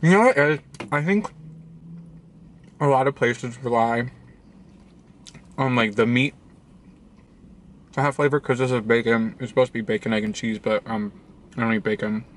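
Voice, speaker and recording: A man's voice: mid-range voice, normal speed, pauses often, slight background noise. Man chewing while talking. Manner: rambling, trails off mid-story. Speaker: mukbang vlogger. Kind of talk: casual chat while eating.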